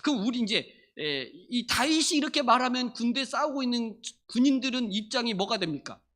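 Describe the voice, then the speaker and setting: Brief: bright, animated pastor preaching a Sunday sermon; emphatic, repeats lines for weight. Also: medium pitch, brisk. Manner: emphatic, repeats and restates phrases. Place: church service.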